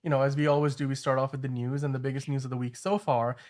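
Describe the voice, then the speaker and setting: A male show host delivers casual news commentary in a middle-pitched voice. He talks loosely and conversationally, wandering into asides as he goes. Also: little pitch movement, quick pace, a little mellow.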